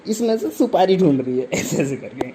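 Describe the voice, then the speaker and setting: A man's voice: fairly high pitch, very animated, a little fast, noisy background. A male stand-up comedian telling a story in a casual, chatty, slangy way.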